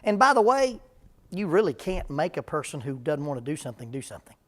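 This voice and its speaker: A man's voice: fairly high pitch, very animated, fast. A man, a preacher leading a parenting seminar in plain-spoken, humorous talk before a live church audience.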